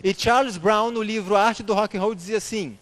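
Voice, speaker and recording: A man's voice: sits high, fairly even intonation, moderate pace, fairly bright tone. A man giving a church lecture, putting rhetorical questions to the congregation and calling them brothers. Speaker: church speaker.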